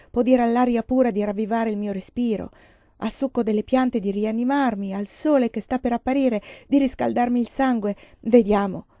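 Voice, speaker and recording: A woman voicing a proud dying woman full of bitter irony, read in a measured, solemn way. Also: fairly high pitch, warm tone, dry recording, dull audio, natural voice. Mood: pleading.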